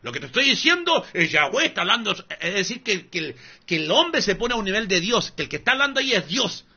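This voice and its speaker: A man's voice: high voice, big pitch swings, fast, bright, forceful tone, breathy edge, muffled recording. A male pastor preaching a sermon, scolding and emphatic, repeatedly calling the listener "brother" between his points. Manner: scolding, emphatic, mocking asides, repeats "hermano".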